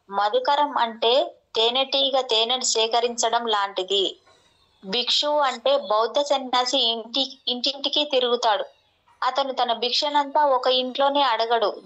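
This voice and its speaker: A woman's voice: high-pitched, fairly bright tone. Woman reading spiritual teachings, lo-fi. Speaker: narrator reading translated spiritual talk. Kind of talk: scripted spiritual narration.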